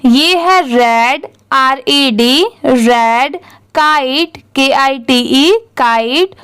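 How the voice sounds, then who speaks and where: Young Indian woman, English tutor, high voice, unhurried, letter-by-letter spelling, dry close sound. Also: a bit bright, no room sound. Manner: spells words letter by letter, then says them; asks and answers her own questions. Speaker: English teacher. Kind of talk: slow step-by-step reading lesson.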